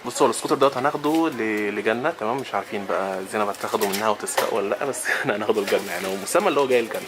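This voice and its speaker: Egyptian dude vlogging super fast, playful and coaxing, busy store noise behind. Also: male voice, fairly low pitch. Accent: Egyptian Arabic. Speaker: vlogger host. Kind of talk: casual vlog chat to viewers. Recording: clear background ambience noise.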